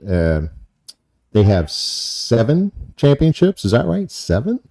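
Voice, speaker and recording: A man's voice: mid-range voice, huge pitch swings, takes it slowly, vocal fry, mellow. A man hosting a podcast in a casual, rambling way, often repeating himself. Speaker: podcast host. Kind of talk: casual chat.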